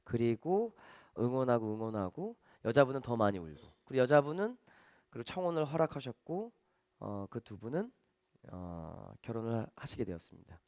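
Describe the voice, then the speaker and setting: A man's voice: mid-range voice, moderate pace, dry recording, studio quality. A man, a magician giving a stage talk, telling stories animatedly and acting out the dialogue. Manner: animated, acts out dialogue for the audience. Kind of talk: stage lecture storytelling.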